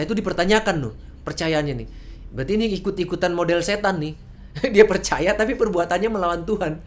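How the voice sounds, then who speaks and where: A woman's voice: fairly low pitch, darkish tone. A woman preaching a sermon in a church service, casual and conversational, often asking rhetorical questions.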